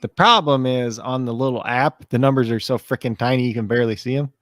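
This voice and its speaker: A man from Illinois co-hosting a fantasy sports show in relaxed, chatty talk that often trails off mid-sentence. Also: mid-range voice, brisk, no echo. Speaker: fantasy sports podcast co-host. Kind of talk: casual chat.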